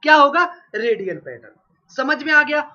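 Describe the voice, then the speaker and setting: A geography teacher with a very high-pitched, animated voice and a sharp tone lectures at normal speed for exam prep. He has a sore throat from a cold, coughs now and then, and drills each point by asking a question and repeating the answer, all on a dull lo-fi recording.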